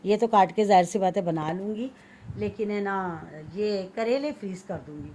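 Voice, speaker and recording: A woman's voice: mid-range voice, moderate pace, darkish tone, a little hiss or hum. A woman from Pakistan vlogging in her home kitchen, chatting to viewers while she cleans and cuts vegetables, often telling them to look. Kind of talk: casual chat to viewers while cooking.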